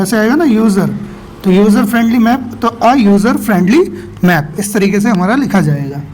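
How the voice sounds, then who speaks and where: A man teaching a grammar lesson. He asks his students questions, answers them himself, spells out sounds slowly and keeps checking that everyone is following. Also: sits high, a little mellow, a little hiss or hum. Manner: keeps checking understanding with frequent "okay". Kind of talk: explaining English grammar lesson.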